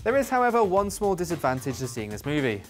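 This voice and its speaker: Male co-host, quick and animated, slightly high voice, eager self-mocking preview read. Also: faint music behind. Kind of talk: scripted film preview narration.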